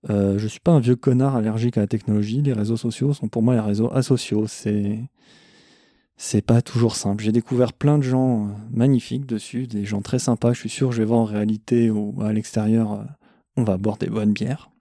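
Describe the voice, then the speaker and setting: A man's voice: lowish voice, steady tone, fairly quick, dark tone, no echo, studio quality. A man hosting a metal podcast, answering questions in a blunt, irreverent, casual monologue and swearing freely.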